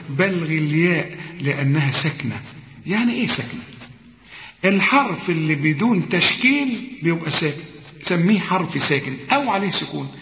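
A man with an Egyptian accent teaching Quran recitation, repeating words slowly to show and correct pronunciation. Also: on the high side, fairly bright tone. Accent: Egyptian Arabic. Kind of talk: recitation lesson. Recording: echoey hall, dull lo-fi sound.

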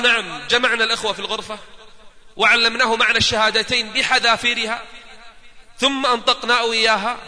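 High bright-voiced preacher in a reverberant hall. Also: male voice. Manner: retells stories with quoted dialogue and rhetorical questions. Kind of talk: sermon storytelling.

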